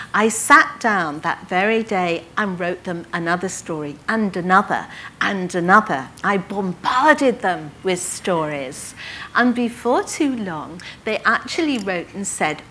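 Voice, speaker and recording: An older woman from England recounting her early writing career to an audience, in a lively anecdotal way with quoted dialogue. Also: medium pitch, slight background noise. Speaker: author telling her life story. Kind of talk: storytelling talk to an audience.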